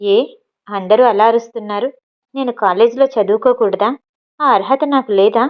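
A woman's voice: a little high, moderate pace, dull audio, natural voice. A woman voicing a proud, educated young woman who works as a cook and answers back bluntly. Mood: defiant. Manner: cutting, matter-of-fact retorts.

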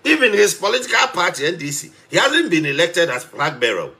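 A man's voice: high-pitched, sing-song, brisk, bright, forceful tone. A young man with a Ghanaian accent giving emphatic political commentary to camera from a small room, mixing English and Twi. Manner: emphatic, mixes English and Twi, laughs mid-rant. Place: small indoor room with a TV behind.

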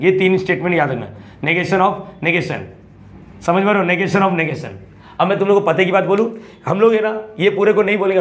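High-voiced man teaching math. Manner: colloquial, asks students frequent check questions. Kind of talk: classroom lecture.

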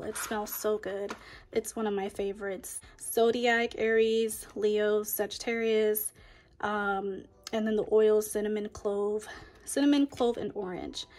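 Slow-talking woman vlogger, chatty. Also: mid-range voice. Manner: chatty, rambling with fillers; soft, slow affirmation voice. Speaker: budgeting vlogger. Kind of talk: casual chat and guided affirmations.

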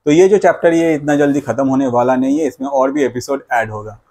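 A fairly quick talker with a mellow, mid-range voice, this video creator hosts a news explainer to camera. He uses a lapel mic in a small, plain indoor room, and his delivery keeps returning to catchphrases with English phrases mixed in.

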